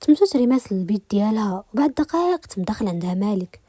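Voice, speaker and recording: A woman with a Moroccan accent narrating a story in an even, storytelling manner. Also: medium pitch, very fast, no room sound. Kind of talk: read-aloud story narration.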